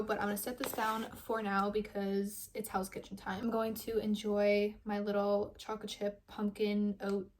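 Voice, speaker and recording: A woman's voice: mid-range voice, darkish tone. A young woman talking casually and upbeat to her viewers in a lifestyle vlog. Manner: chatty, upbeat, conversational. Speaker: vlogger. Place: outdoors at a park, with her dog.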